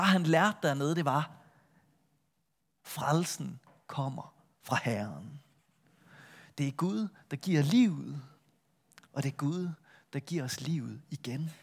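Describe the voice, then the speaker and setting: A middle-aged man preaching a sermon, retelling a Bible story with lively shifts between a full voice and a soft hush. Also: fairly high pitch, slightly rough. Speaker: pastor.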